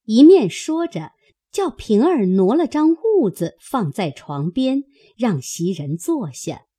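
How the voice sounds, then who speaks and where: Slow, mellow woman narrating a classic novel. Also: on the high side, very animated, husky. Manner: measured storytelling. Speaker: audiobook narrator.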